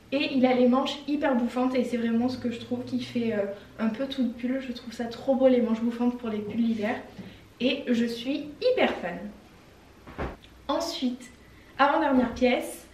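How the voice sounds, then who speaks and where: A woman's voice: fairly high pitch, darkish tone. A young French-speaking woman chatting casually and enthusiastically while trying on clothes for a haul video. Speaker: fashion vlogger. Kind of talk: casual try-on haul chat. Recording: echoey room, mic some distance away.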